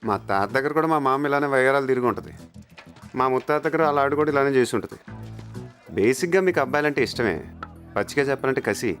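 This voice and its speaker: A man's voice: mid-range voice, animated, fast, a bit bright, soft background music. An actor playing a man who mocks and scolds others, with a Telugu accent. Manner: mocking, scolding. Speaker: comic film character. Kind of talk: Telugu film comedy acting.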